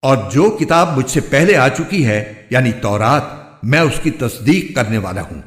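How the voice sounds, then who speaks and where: A man giving a measured, solemn scripted reading of a scripture translation. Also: medium pitch, lively intonation. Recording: echoey, roomy recording.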